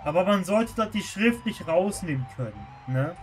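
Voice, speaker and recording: A man's voice: sits high, lively intonation, moderate pace. A man giving casual live commentary as he plays a game on stream. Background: video game music.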